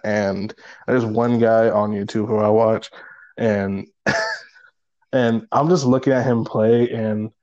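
A man's voice: medium pitch, darkish tone, muffled recording. A man co-hosting a casual gaming chat over a remote call, rambling, swearing and laughing as he tells stories. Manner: rambling, profane, laughs often. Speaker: podcast co-host. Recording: call audio, at times garbled.

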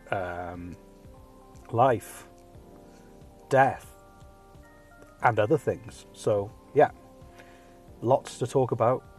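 The Welsh host, a man in his thirties, has a mid-range voice with a darkish tone. His podcast is a casual, self-deprecating monologue, jokey and full of ums, picked up by a phone hands-free kit as he drives.

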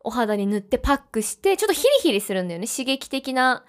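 A woman's voice: fairly high pitch, big pitch swings, fast. A woman from Hokkaido co-hosting a casual podcast chat, telling stories with playful sound effects and frequent laughter. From Hokkaido, Japan. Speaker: podcast co-host.

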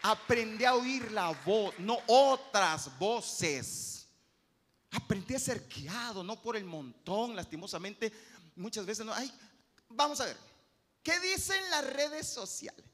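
A male pastor preaches in an animated way, his high voice swinging widely in pitch. His tone is bright and forceful. The sound carries a long reverb from a church hall. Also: a little slow. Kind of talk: sermon.

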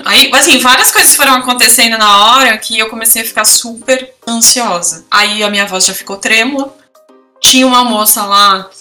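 A woman's voice: medium pitch, bright, forceful tone, distant mic. A woman, co-hosting a podcast, telling personal stories in casual chat with lots of feeling. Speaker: podcast co-host.

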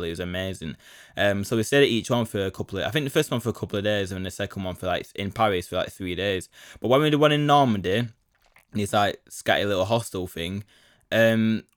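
Young male podcaster, lowish voice, dry close sound, loose slangy storytelling with lots of fillers. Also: a little fast, no room sound. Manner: rambling, slangy, full of fillers and 'do you know what I mean'. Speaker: podcast host. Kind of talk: casual solo storytelling.

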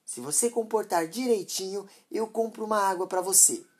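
A woman's voice: mid-range voice, moderate pace, slightly rough, pitched above the performer's own voice, lightly acted. A woman voicing a harsh, impatient mother who scolds sharply and dismissively. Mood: scornful.

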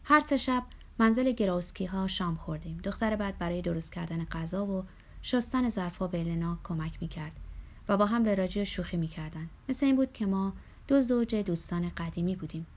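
A woman reading a first-person novel aloud as an audiobook narrator, in a steady, measured way. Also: on the low side.

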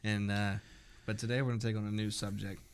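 Male podcast host, lowish voice, relaxed and loose, quick to laugh. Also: a little hiss or hum. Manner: laughs easily, loose with fillers. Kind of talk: casual chat.

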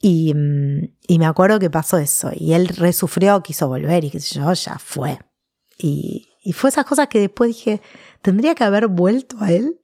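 Woman, Rioplatense accent, lowish voice, dry close sound, chatty storyteller. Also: moderate pace, dry recording. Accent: Rioplatense Spanish. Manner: chatty, animated storytelling with laughs. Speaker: interviewee. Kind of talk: casual personal interview.

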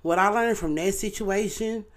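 An earnest woman speaking to her viewers in a relaxed, personal way. She talks at a middling pitch and keeps checking in with her audience. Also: normal speed. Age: adult parent. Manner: earnest, chatty, often asks "you know what I'm saying". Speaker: online show host. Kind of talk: casual heartfelt talk to viewers.

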